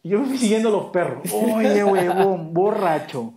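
A man's voice: high-pitched, expressive, unhurried, crowd noise. A man with a Peruvian accent, animatedly telling a story in casual, slang-heavy, swear-filled chat with a friend. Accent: Peruvian Spanish. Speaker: podcast co-host.

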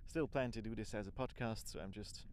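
A man's voice: fairly low pitch, a little fast, a little mellow, a little hiss or hum. A man speaking non-native English with a Swiss accent, rambling informally and thinking aloud as he records a casual audio diary as an amateur podcaster.

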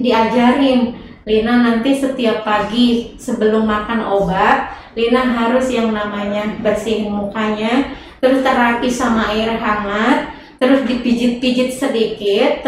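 A woman being interviewed, telling her story in an animated way and slipping English phrases in. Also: on the high side, far from the mic, a little hiss or hum. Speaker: interview guest. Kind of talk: conversational interview. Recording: echoey room, voice off-mic.

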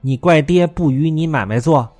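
A man's voice: on the high side, normal speed, a little mellow, soft background music, natural voice. A man voicing a male servant giving accusing testimony in a storytelling performance.

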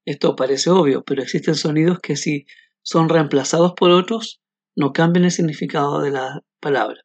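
A man teaching English pronunciation in a scripted podcast, explaining clearly and modeling words slowly. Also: fairly high pitch, dry recording.

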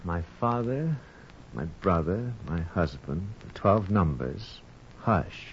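An actor playing an earnest middle-aged doctor who speaks gently and soothingly, in 1940s radio acting on a muffled old transcription. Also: male voice, deep voice, animated, takes it slowly, a little hiss or hum, full character voice. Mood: puzzled.

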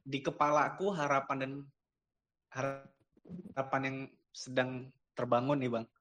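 A man's voice: mid-range voice, steady tone, a bit bright. Agreeable man in casual talk. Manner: agreeable, lots of quick affirmations. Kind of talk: casual podcast conversation.

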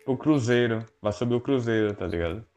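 A man's voice: medium pitch, a little fast, darkish tone, soft background music. Laid-back man telling a story. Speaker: podcast guest. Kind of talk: casual podcast chat.

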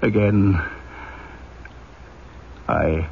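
Stern, formal police inspector Javert on muffled old radio. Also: male voice, low-pitched, gravelly, full character voice. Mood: stern self-reproach. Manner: formal, emphatic, deliberate, self-accusing. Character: stern, rigidly honourable French police inspector confessing a fault. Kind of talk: old-time radio drama acting. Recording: muffled, noisy vintage radio recording.

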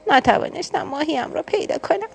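A woman's voice: high-pitched, very animated, creaky, soft background music, voice pushed up, exaggerated voice. A woman voicing a young boy turtle in a storybook reading, in a raised childlike voice. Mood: sulky. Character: young boy turtle, sulky then glad.

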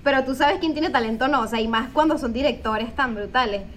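A woman's voice: high voice, a little fast, slight background noise. A woman actress chatting casually with friends and telling rambling stories with many restarts. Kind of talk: casual chat among friends.

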